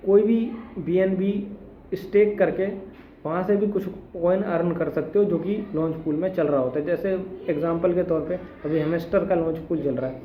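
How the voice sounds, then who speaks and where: A man's voice: sits high, roomy sound, phone-quality sound, slight background noise. A young man explaining step by step in a casual tutorial, mixing English tech terms into his speech. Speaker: crypto tutorial host. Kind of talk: casual screen-recorded tutorial.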